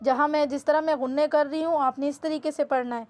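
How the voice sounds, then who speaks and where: Brief: female Quran teacher with a Pakistani Urdu accent, high and level voice, drawn-out spelling drills. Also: steady tone, darkish tone. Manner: slow drawn-out syllables, brisk asides.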